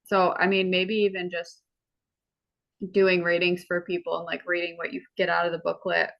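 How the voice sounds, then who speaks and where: A woman co-hosting a casual podcast, her lowish voice full of gravelly fry. She talks openly and rambles, leaning on "like". The recording sounds dull and lo-fi. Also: monotone, moderate pace. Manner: open, rambling, lots of "like". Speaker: podcast co-host. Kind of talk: casual chat.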